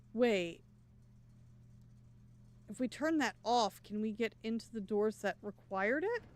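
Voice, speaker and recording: On the high side and animated, this woman's voice moves at a slow pace with frequent pauses. She streams a live game as a let's play streamer, musing aloud over her choices with chatty, wry humor.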